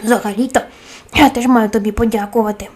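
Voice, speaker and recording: A woman's voice: on the high side, steady tone, brisk, slight background noise, natural voice. A woman playing a grumpy forest gnome. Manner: grumbling, indignant. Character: grumpy male forest gnome, greedy and gruff. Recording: soft music underneath.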